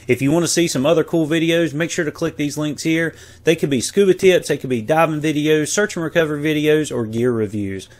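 A man's voice: a little high, brisk, few pauses. A man in his forties presenting a casual instructional video, addressing viewers in a direct, informal way. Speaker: dive shop presenter. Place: small indoor dive shop room. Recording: faint steady background hum.

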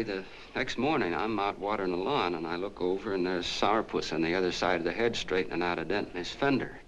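Folksy small-town soda jerk. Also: male voice, sits low, fairly bright tone, lo-fi sound, slight background noise. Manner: folksy, rambling storyteller. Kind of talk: 1940s film acting.

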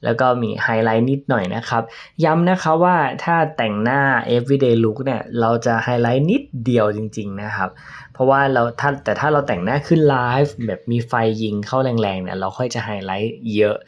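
A playful, chatty man talks through his daily makeup routine in a relaxed vlog. He keeps a middle pitch and jokes at his own expense as he goes. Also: moderate pace. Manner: playful, chatty, laughs at himself. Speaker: makeup vlogger. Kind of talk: casual makeup tutorial vlog.

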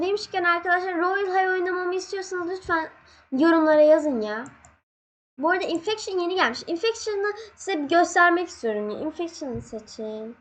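A young woman casually commenting on her gameplay, excitable, laughing and yelping when scared. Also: high voice. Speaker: gaming channel host.

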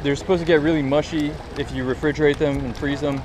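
A young man giving casual, excitable fishing commentary in slangy, exclamatory phrases. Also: fairly high pitch, fast talker, crowd noise. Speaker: fishing vlogger. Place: outdoors on a rocky jetty by the water. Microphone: action camera worn on the body. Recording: noisy outdoor action camera by water.

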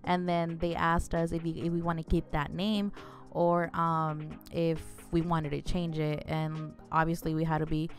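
A woman's voice: low voice, completely flat delivery, moderate pace, faint music behind. A woman in her twenties co-hosting a casual Q&A video, reading out questions and answering in an easygoing, giggly way. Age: 20s. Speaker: co-host of a couple's channel. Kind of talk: casual Q&A chat. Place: small home studio room. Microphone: studio microphone on a stand, close.

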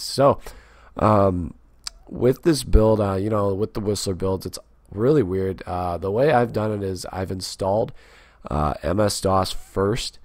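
A man with a cold and sore throat, hosting a casual software tutorial with many fillers. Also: deep voice, dry recording. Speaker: tech tutorial host.

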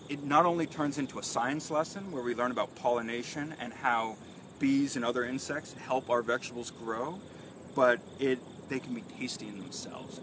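In this outdoor phone recording with background noise, an urban farm manager in his thirties gives a live guided tour of a garden. He walks and points at plants, explaining the vegetables with cheerful enthusiasm in a mid-range voice. The phone camera sits a few feet away.

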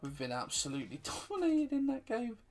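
A gaming YouTuber with a very high voice talks a little fast as he gives chatty live commentary on his own football game. He pokes fun at himself and gets explosively excited at goals.

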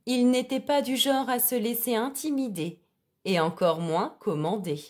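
A woman reading a children's storybook aloud in a clear, expressive way. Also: fairly high pitch, a little slow.

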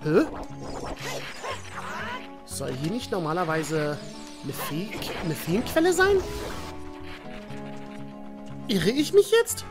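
Addressing her viewers as "ihr Lieben," a let's player chats through her own video game session and mildly swears at the enemies. Her fairly low voice is sing-song and slow, with frequent pauses, and music plays in the background.

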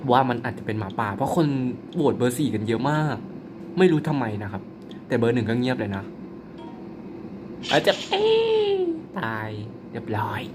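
A Thai man who plays mobile games and hosts a channel gives casual, playful commentary on his game, joking around with mock-polite apologies and frequent exclamations and laughter. His mid-range voice moves at a moderate pace against a noisy background.

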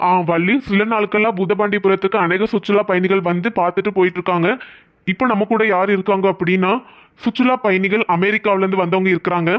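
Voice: medium pitch, fairly even intonation, fast talker, natural voice. A voice actor playing a male village news reporter in a cartoon, speaking formally as he interviews people. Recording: dull lo-fi audio.

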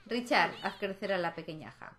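A woman's voice: mid-range voice, normal speed, crowd noise. Chatty woman narrating her life-sim game. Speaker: gaming channel host. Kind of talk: casual gameplay commentary.

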